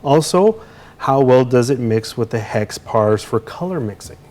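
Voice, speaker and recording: A man's voice: mid-range voice, lively intonation, a little slow, a little mellow. A man from the United States, a DJ, co-hosting a casual product demo and restating points as he goes. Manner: chatty, asks and restates points. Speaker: co-host, DJ.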